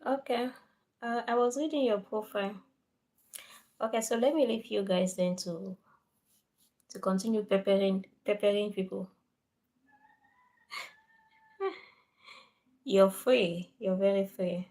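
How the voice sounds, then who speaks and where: A woman's voice: mid-range voice, measured pace, pauses often, warm tone. A woman from Cameroon, chatting casually with viewers on a live stream and sometimes dropping to a near whisper.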